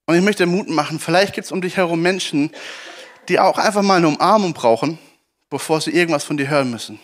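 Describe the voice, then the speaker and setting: A man with a notably high voice delivers a sermon from Germany. He tells the story vividly, jumping into shouts and pleading voices for the people in it, then easing back to quiet, encouraging words. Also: a little fast. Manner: animated storytelling, acts out shouts and pleas. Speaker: preacher.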